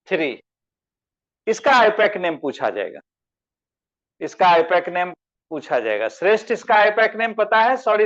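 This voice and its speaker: A high-pitched man lectures an online chemistry class in lo-fi sound. Naming students individually, he refers to them as "beta" and quizzes them with questions.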